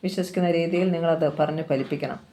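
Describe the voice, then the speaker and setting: Scheming middle-aged father, cold, commanding, read out by a narrator, dark mellow tone, audiobook. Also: medium pitch, steady tone, quick pace, close to an everyday voice. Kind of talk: novel reading.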